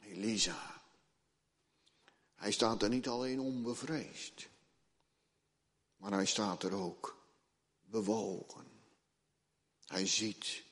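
A pastor preaching a sermon in a church, dramatic and earnest, acting out the people in the story with rising urgency. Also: male voice, lowish voice. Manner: dramatic, retells the story with emotional voices, rises to loud pleading. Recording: long church reverb.

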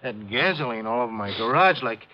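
Male actor as nervous middle-aged crook, apologetic, uneducated city slang, stammering, mid-pitched, vintage radio drama. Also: expressive, a little fast, close to an everyday voice. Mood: sheepish. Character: beefy forty-year-old small-time crook, nervously apologetic. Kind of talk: 1950s radio detective drama acting. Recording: dull vintage radio broadcast.

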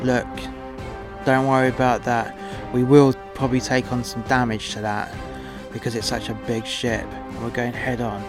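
Guy acting as reckless sweary spaceship captain in an audio drama, cocky and commanding, loud music underneath. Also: mid-range voice, little pitch movement, normal speed, close to an everyday voice. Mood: cocky, explaining. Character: gung-ho male starship captain, foul-mouthed, reckless and cocky.

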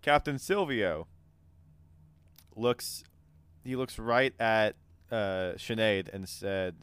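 Male game master: informal, amused, halting improviser with a clean voice and dry recording. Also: lowish voice, a bit bright, smooth, dry recording. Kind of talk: improvised tabletop game narration.

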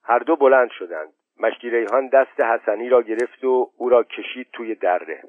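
A man reading an audiobook story in even, measured narration. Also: mid-range voice, no room sound. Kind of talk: scripted narration. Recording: thin phone-like sound, dry.

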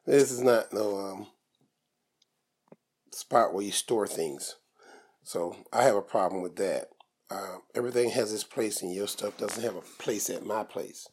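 A man's voice: on the low side, measured pace, darkish tone, slightly rough. A man co-hosting a casual opinion podcast, talking bluntly and joking, with a morning voice. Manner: blunt, joking, laughs often. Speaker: podcast co-host.

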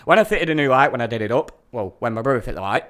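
A man's voice: medium pitch, lively intonation, very fast, fairly bright tone. Swearing man in his thirties. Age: 30s. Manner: rambling, heavy swearing. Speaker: podcast co-host. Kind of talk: casual podcast chat.

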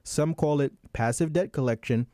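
Mellow male host, dry close sound. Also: a little high, normal speed, no room sound. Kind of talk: conversational interviewing and reading aloud.

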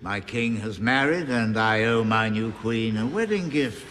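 A man's voice: fairly low pitch, lively intonation, unhurried, a bit bright, long reverb tail, soft background music. An actor playing a scheming old lord who formally and ingratiatingly addresses a king.

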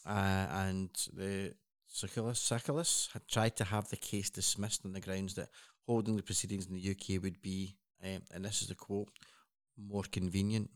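A man's voice: sits low, little pitch movement, moderate pace. A man co-hosting a casual news chat, earnest and rambling with frequent restarts. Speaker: co-host.

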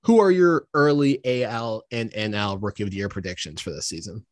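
A man hosting a casual interview, relaxed and joking as he asks questions. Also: lowish voice, fairly quick, no echo, clean studio sound. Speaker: interview host.

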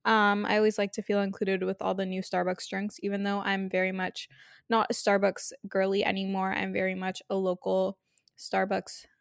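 A woman's voice: medium pitch, completely flat delivery, moderate pace, creaky, dry recording, clean studio sound. A woman hosting a casual solo podcast from her bed, chatting informally with girly slang. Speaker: podcast host. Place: on a bed indoors.

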